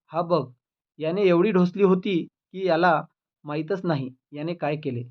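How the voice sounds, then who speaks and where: A man voicing a rough, mocking police officer who sneers at a drunk suspect, in a dull lo-fi recording. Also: on the high side, steady tone, a little slow, natural voice. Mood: sneering. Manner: sneering, scolding.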